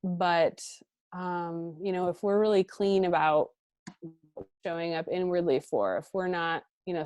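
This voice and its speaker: A woman in her thirties, a guest parent coach on an online interview, talking in a warm, animated way with frequent laughs and fillers. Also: fairly low pitch, no echo, studio quality. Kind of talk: conversational interview.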